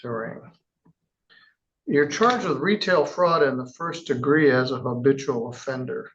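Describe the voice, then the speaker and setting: A man presiding as a judge in a courtroom, reading charges in a measured, formal way with casual asides. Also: mid-range voice, a bit bright, dull audio, a little hiss or hum. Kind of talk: courtroom proceedings.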